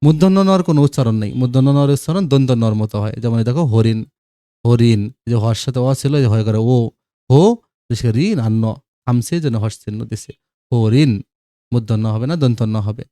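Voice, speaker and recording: A man's voice: medium pitch, fast talker, warm tone, dry recording, studio quality. A man teaching a grammar lesson, repeating examples and checking whether students follow. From Bangladesh. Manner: explanatory, repeats examples, checks understanding with asides.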